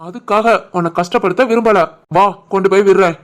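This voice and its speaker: A woman voicing a young husband and shopkeeper, teasing but caring, with a Tirunelveli Tamil accent in an animated family story. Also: mid-range voice, fairly quick, close to an everyday voice. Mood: apologetic. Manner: teasing banter, turns soft and worried.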